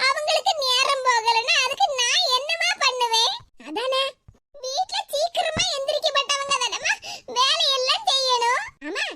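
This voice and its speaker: Woman doing a squeaky whiny young daughter, cartoon, heavy hiss. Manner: whining, complaining. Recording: loud background hiss.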